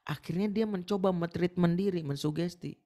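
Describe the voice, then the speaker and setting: A man's voice: sits high, brisk. A man speaking as an ustaz in a webinar on marriage, telling stories animatedly and acting out the voices of the people in them, heard over a video call. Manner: animated storytelling, acts out quoted voices.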